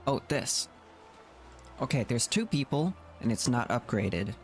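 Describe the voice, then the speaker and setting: A gaming streamer provides casual gameplay commentary, thinking aloud and muttering to himself in short fragments over background music. His mid-range voice has big pitch swings, and he speaks at a measured pace.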